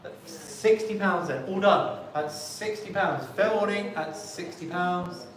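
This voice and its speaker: Male auctioneer, rhythmic repeated bid-calling, polite patter, fairly high pitch, very echoey saleroom. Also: unhurried. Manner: rhythmic, repetitive auction chant. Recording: very echoey room, distant mic, faint noise.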